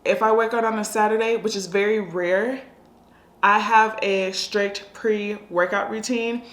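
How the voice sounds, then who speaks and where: A woman's voice: mid-range voice, steady tone, measured pace, fairly bright tone. An American woman giving casual lifestyle advice in a chatty, conversational vlog style. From United States. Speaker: lifestyle vlogger. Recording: echoey room sound.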